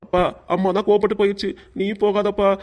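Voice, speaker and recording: A man's voice: high voice, monotone, fast talker, darkish tone, close to an everyday voice. A man voicing a young college-age son in a cartoon, earnestly pleading with his parents. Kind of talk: cartoon voice acting.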